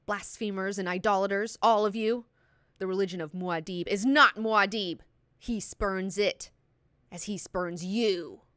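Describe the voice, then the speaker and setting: A stern male prophet thunders warnings in slow, weighty phrases. A woman puts him on while retelling a story, her tone bright and clear with no room echo. The preacher sounds solemn and unbending. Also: medium pitch, steady tone, clean studio sound, close to an everyday voice. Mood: condemning.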